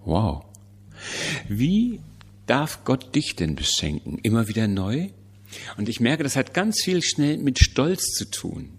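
A man's voice: mid-range voice, sing-song, takes it slowly, husky. A man preaching a conversational Christmas sermon, emphatic and full of rhetorical questions.

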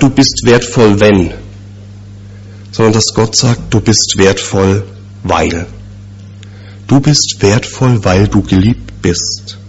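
A man preaching a sermon, telling stories and asking rhetorical questions with slow, emphatic repetitions. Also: medium pitch, breathy edge, dull audio.

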